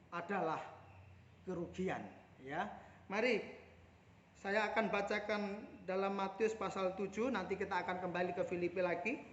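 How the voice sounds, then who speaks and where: A male pastor preaching a sermon to other pastors, rising loud when acting out pleading voices. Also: high voice, a little hiss or hum. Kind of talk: sermon to pastors over video call. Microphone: video call. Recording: echoey, dull video call audio.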